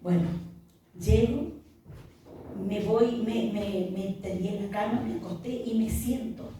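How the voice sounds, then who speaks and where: Pastor lady telling her story all earnest, really mellow dark voice, big echo, mic kinda far. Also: medium pitch, slow, slight background noise. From Chile. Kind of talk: testimony in a podcast interview. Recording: echoey room, mic far off.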